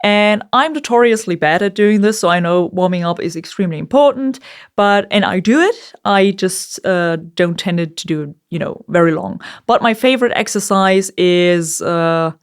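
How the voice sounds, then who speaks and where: Woman vocalist, clean clear tone, mid pitch, informal chatty tutorial delivery. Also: moderate pace. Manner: informal, chatty, occasional swearing. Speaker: vocalist giving a screaming tutorial. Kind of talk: casual instructional talk.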